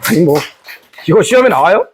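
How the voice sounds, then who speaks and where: A man teaching history in a lively lecture, playfully acting out scenes from the story. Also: sits high, brisk, a loud crowd, heavy background noise. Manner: animated storytelling, playful, voices characters.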